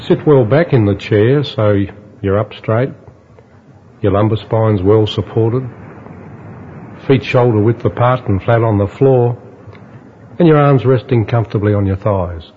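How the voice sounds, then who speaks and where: A man guiding a relaxation exercise in a slow, hypnotist-like manner, with long pauses between instructions. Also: fairly low pitch. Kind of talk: guided relaxation narration. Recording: dull lo-fi audio with faint noise.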